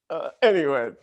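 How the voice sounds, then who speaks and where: Male host, casual rambling monologue, very animated delivery with lots of laughter. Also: vocal fry. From Connecticut, US. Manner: animated, laughs often, jumps in pitch. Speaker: late-night show host. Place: home studio, live stream.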